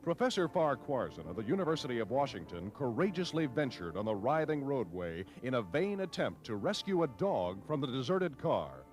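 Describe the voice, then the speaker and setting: A man's voice: mid-range voice, sing-song, a little fast, hardly any pauses. A man narrating an old newsreel in a dramatic, declamatory 1940s style. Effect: old newsreel soundtrack. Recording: old newsreel soundtrack with music behind. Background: music.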